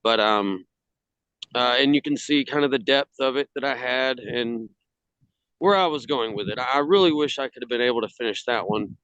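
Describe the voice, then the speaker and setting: A man on a video call from outdoors in the cold, casually presenting his hobby work in a halting way. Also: mid-range voice, a bit bright, smooth, no room sound. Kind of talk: casual slideshow talk. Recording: slightly dull video-call audio.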